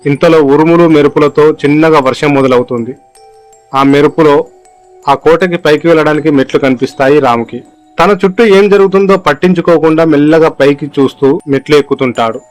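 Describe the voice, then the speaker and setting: A man's voice: on the high side, brisk, soft background music. A man reading a scripted horror story aloud as narrator, voicing the characters' lines in his own voice.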